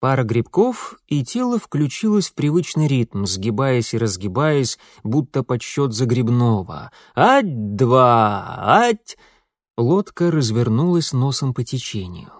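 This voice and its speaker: A man's voice: mid-range voice, very animated, unhurried, few pauses, darkish tone, no room sound, studio quality. A man reading an adventure story aloud with dramatic, rhythmic storytelling. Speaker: audiobook narrator. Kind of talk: scripted audiobook narration.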